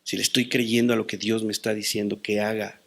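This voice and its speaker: A man preaching a sermon as pastor, quoting scripture and telling personal stories, swinging between loud declarations and hushed asides. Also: lowish voice, level tone, fairly quick, gravelly.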